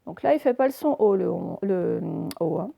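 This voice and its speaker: A woman teacher giving a recorded phonics lesson for young children, saying words slowly and over-articulating them, with repetitions and fillers. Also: fairly low pitch, lively intonation, vocal fry, dark tone, a little hiss or hum. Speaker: primary school teacher.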